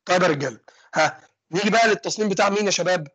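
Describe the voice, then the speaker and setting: A young man with an Egyptian accent teaching an engineering class online. He talks fast and keeps asking questions and then answering them himself. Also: high-pitched, a bit bright, husky, no room sound. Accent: Egyptian Arabic. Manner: fast, asks and answers his own questions. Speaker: engineering lecturer. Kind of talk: online lecture with student questions.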